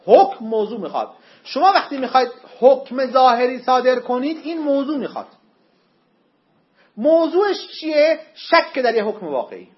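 Man, seminary teacher, lively high voice, dull lo-fi classroom recording. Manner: animated, emphatic, joking asides to students. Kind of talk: classroom lecture on Islamic jurisprudence.

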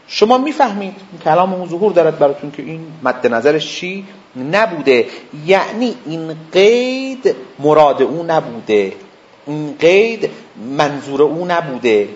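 A man lectures as a seminary teacher, his fairly high voice rising and falling with lively emphasis. He explains step by step, repeats his key points and keeps asking whether his students follow. The recording sounds muffled and lo-fi. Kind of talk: didactic lecture.

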